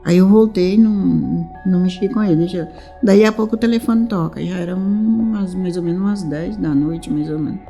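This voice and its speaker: Warm-voiced São woman recounting. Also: fairly low pitch, a little fast, creaky, soft background music. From São Paulo, Brazil. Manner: rambling retelling, many restarts, acts out the dialogue. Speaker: mother of a missing teenager. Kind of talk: emotional personal testimony.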